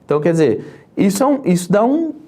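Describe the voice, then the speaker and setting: In a conversational podcast interview, the host guides the guest with careful questions, speaking hesitantly with lots of fillers and restarts. The voice is mid-pitched, mellow and darker in tone, with a sing-song quality.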